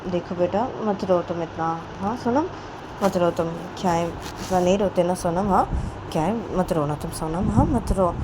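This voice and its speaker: A woman voicing a protective mother who pleads and tries to calm others, repeating her requests. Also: fairly high pitch, moderate pace, gravelly, background noise, pitched above the performer's own voice. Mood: soothing.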